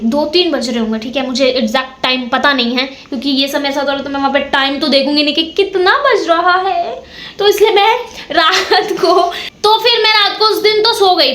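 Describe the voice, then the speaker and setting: A woman's voice: high-pitched, a bit bright. A young woman casually telling a ghost story of her own, dramatic and repeating words for suspense. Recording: echoey room.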